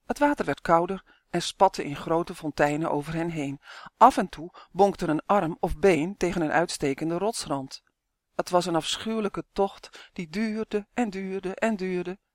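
An audiobook narrator reading a children's fantasy story in a steady, clear way that livens up in tense moments. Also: mid-range voice, a little slow, dry recording, studio quality.

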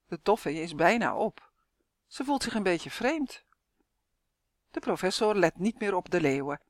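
Lively woman reading a children's story. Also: on the low side, a little slow, no echo, clean studio sound. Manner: lively, voices the characters.

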